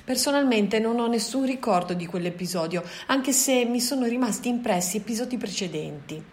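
A woman voicing a wise male gorilla teacher who speaks calmly and tells his story in a measured way. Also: a little high, pitched above the performer's own voice, lightly acted. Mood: calm, explaining.

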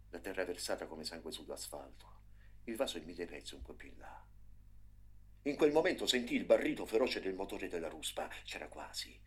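Husky low-voiced male storyteller. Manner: expressive, dramatic reading with hushed passages. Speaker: narrator. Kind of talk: storybook narration.

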